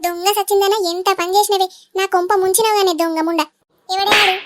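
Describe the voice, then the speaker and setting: A woman's voice: very high-pitched, steady tone, fast. A woman voicing a melodramatic middle-aged village mother in a cartoon, scolding and wailing with a Telangana Telugu accent. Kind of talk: cartoon voice acting.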